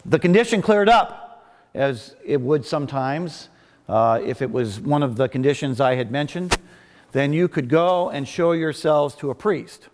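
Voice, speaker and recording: A man delivering a sermon as a preacher, in a measured, pausing manner with hesitant restarts. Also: fairly high pitch, a little mellow. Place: large reverberant worship space. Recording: long reverb of a large hall.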